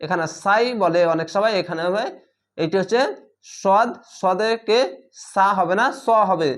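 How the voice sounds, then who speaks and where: A man teaches recitation by spelling each word letter by letter and then chanting it slowly, drawing it out. He states the reading rules briskly and repeats them often, in a high, somewhat bright voice.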